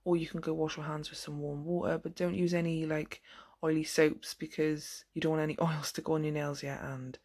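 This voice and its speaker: A woman chatting casually through a nail tutorial, giggling often and filling pauses with ums and likes. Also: deep voice, little pitch movement, a little mellow. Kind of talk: casual tutorial chat to viewers. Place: home.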